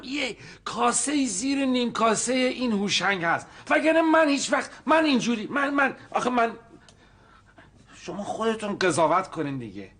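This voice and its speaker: A man's voice: high voice, bright, forceful tone, breathy edge, heavily acted. An actor playing a scheming man who rambles to himself with hesitant restarts, in a TV comedy series. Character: scheming middle-aged man plotting his next move.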